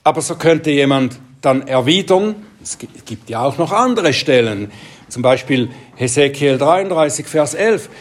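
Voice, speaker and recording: A man preaching a Bible teaching sermon, speaking deliberately and trailing off into quiet asides. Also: a little high, lively intonation.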